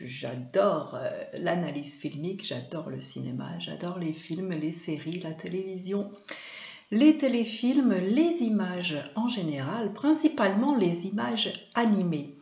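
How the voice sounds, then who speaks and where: A woman's voice: lowish voice, animated, measured pace, vocal fry, darkish tone. A French woman hosting a weekly live film talk, hesitant, with many fillers and restarts. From France. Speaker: host and film trainer. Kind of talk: casual live-stream talk. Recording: roomy, dull lo-fi sound.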